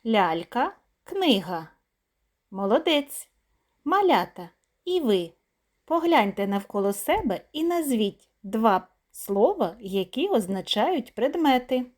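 Woman, kindergarten teacher, very slow and clear, melodic rise and fall. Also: a little high, very animated, a little mellow. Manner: clear, deliberate word-by-word pronunciation. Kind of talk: slow, sing-song lesson for small children.

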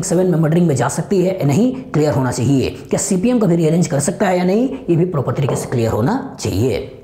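A man's voice: fairly high pitch, warm tone. A middle-aged male chemistry teacher recaps a topic for exam students, earnestly repeating a refrain as he drills each key point in front of a digital board. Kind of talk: exam-prep lecture recap. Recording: roomy studio echo.

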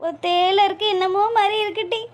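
A woman's voice: extremely high pitch, flat delivery, fast. A woman voicing a grieving old village mother, weepy and pleading. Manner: weepy, pleading, calls listener "makkale".

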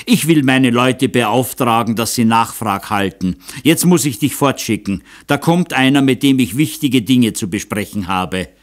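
A man voicing a distraught noble count, speaking in urgent, sharp commands. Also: mid-range voice, expressive, measured pace, hardly any pauses, close to an everyday voice. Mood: hurried.

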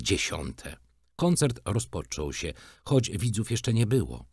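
A man reading a literary story aloud with expressive storytelling and voiced characters. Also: lowish voice, no room sound, studio quality. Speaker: reader.

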